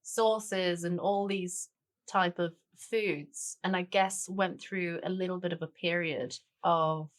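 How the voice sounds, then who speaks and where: Woman, forties, deep voice, chatty, relaxed interview guest. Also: takes it slowly. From grew up in Tanzania, born in Denmark. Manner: chatty, with many "sort of" and "you know". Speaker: guest chef and cookbook author.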